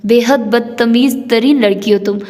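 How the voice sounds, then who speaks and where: A woman's voice: on the high side, measured pace, darkish tone, close to an everyday voice. Playful young husband from an audiobook romance, teasing and mocking, voiced by a woman narrator; echoing hall sound. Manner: teasing, bantering. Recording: long hall reverb.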